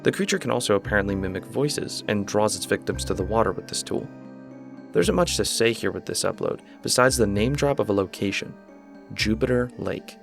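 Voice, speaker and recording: Brisk and low-voiced with vocal fry, this male YouTube host explains a horror series' lore in casual analysis commentary. His relaxed, conversational delivery includes enthusiastic asides, recorded as voice-over over backing music.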